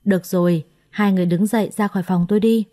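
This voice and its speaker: A gentle young wife answers softly and shyly, voiced by a woman narrator. It sounds close to the narrator's own mellow voice. It is a storybook telling. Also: mid-range voice, steady tone, fast talker, no room sound, lightly acted. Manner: soft, shy.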